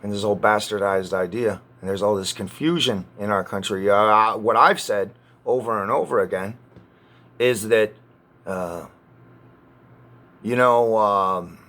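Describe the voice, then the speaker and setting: Angry guy ranting on camera, cusses a ton, keeps stopping and starting, bright edgy voice. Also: on the low side. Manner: agitated, profane, halting. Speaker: vlogger.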